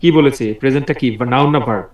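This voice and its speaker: A man's voice: medium pitch, fast, a little mellow. A man teaching an online English class over a video call, patient and encouraging as he drills words aloud. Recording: roomy, distant video call audio.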